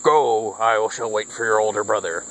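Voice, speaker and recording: A man's voice: lowish voice, fairly even intonation, moderate pace, fairly bright tone, voice pushed down, lightly acted, poor audio. A man doing a dim, hungry bridge troll. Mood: greedy.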